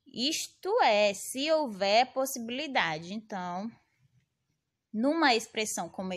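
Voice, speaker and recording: A Brazilian woman teacher patiently explaining a grammar lesson step by step, often checking in with her students. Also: mid-range voice. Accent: Brazilian Portuguese. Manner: patient, explaining step by step with frequent tag questions.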